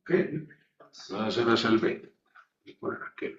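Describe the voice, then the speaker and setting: A man's voice: fairly low pitch, level tone, slow, background noise. A man teaching a Bible class in a sermon-like way, stressing his points and putting rhetorical questions to his listeners. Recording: echoey, dull sound from a distant mic.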